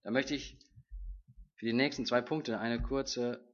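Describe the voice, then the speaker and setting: A man's voice: mid-range voice, fairly even intonation, measured pace. Casting: earnest male preacher, mid-range voice, personal and confessional sermon delivery; dull lo-fi recording. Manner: earnest, personal, quotes his own prayers.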